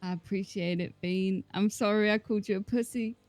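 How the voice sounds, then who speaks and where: A woman voicing a police officer in an online roleplay, brash and teasing with plenty of swearing. Her voice sits at a middle pitch and sounds dry. Faint music plays in the background. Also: fairly even intonation, a little fast, a little mellow, dry recording. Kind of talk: in-character roleplay banter.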